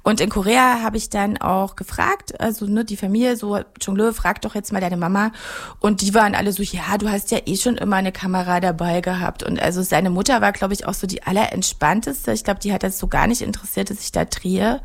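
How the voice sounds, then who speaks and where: A woman's voice: mid-range voice, steady tone, a little fast, vocal fry. A German woman in her forties, a filmmaker being interviewed, talking reflectively and searching for her words. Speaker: filmmaker guest. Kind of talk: interview conversation.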